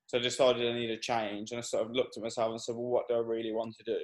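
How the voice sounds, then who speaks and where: A man's voice: medium pitch, flat delivery, fast. Guest in his twenties from Birmingham, loose rambling talk full of fillers; mid-range male voice. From Birmingham, England. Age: 20s. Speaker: guest singer-songwriter. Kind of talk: casual radio interview.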